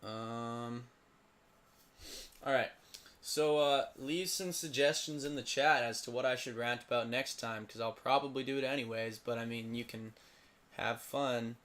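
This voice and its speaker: A hoarse, tired teenage boy commenting on a simulated lacrosse league late at night, rambling and mumbling with self-pity between plays. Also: mid-range voice, steady tone, measured pace, a bit bright. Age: teens.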